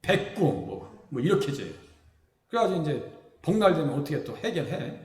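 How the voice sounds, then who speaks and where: High-voiced pastor preaching in an echoing church. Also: male voice, moderate pace. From South Korea. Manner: folksy, animated preaching with rhetorical questions to the congregation; acts out quoted speakers in lively voices. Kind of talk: sermon. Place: church sanctuary. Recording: echoey hall with long reverb.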